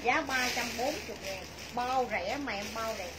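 Southern vietnamese lady doing a live clothes sale, highish voice, chatty, pretty noisy background. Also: moderate pace. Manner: repetitive, chatty, addressing viewers as sisters. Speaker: clothing shop livestream seller. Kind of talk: live sales pitch, casual chat. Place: small clothing shop, indoors. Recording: noisy shop livestream, clear background noise.

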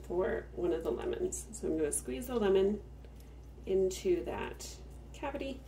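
A woman's voice: medium pitch, animated, measured pace, warm tone, recorded from a distance, slight background noise. A woman hosting a cook-with-me video, explaining each step at an easy pace while she works in her home kitchen. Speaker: home cook, farmstead channel host. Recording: roomy kitchen sound from off-mic.

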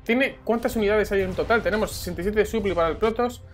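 Spanish woman hyped up calling a match, keeps repeating herself and yelling, music playing clearly behind. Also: medium pitch, quick pace. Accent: Spain Spanish. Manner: excitable, repeats phrases, bursts into shouts. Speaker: esports caster. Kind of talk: excited game commentary.

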